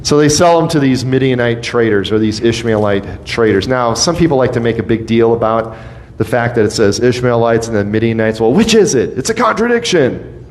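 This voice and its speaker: Male pastor, mid-pitched, casual preaching that slips into playful quoted voices, faint low rumble behind. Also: brisk, a little mellow. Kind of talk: sermon.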